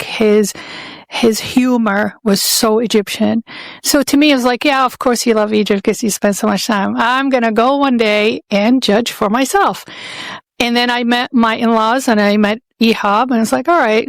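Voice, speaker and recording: A woman's voice: on the high side, no echo. A woman in her fifties from Saudi Arabia hosting a podcast, talking in an earnest, reflective way and often restarting her phrases as she searches for words. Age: 50s. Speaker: podcast host.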